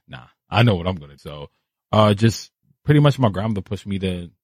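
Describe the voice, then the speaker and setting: A man in his thirties from New City, a guest artist telling his story, animated and acting out quoted voices. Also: deep voice, brisk, breathy edge, dry recording. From New York City. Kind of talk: casual interview storytelling. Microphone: podcast studio mic.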